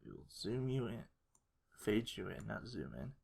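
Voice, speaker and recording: In this casual screen tutorial, a creator works through video edits at an indoor computer, partly talking to themselves. The mid-range voice has a sing-song, darkish quality at a moderate pace, over clearly audible keyboard and mouse noise.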